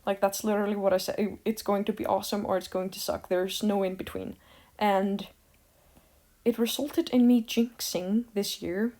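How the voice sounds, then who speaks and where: A woman's voice: medium pitch, steady tone, normal speed, dark tone. A teenage girl from Iceland ranting casually to the camera, rambling with lots of fillers and a sarcastic edge. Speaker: vlogger.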